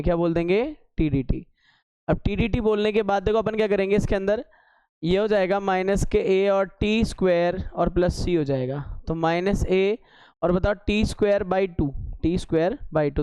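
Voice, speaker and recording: High-voiced teasing male math teacher. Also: warm tone, clear, resonant tone, no room sound. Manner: teasing, scolding students with sarcastic asides; works steps aloud, repeating key terms as questions. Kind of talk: classroom lecture at a board.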